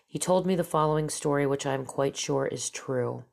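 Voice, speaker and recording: A woman hosting a talk show rambles casually through stories and asides in a stuffy, nasal voice. She's a podcast host with a low-pitched, gravelly, slightly mellow voice, speaking at a moderate pace in a storytelling monologue.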